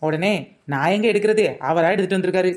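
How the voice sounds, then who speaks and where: Fast-talking woman. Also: lowish voice. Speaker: comedy skit performer. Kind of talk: comic village-gossip skit.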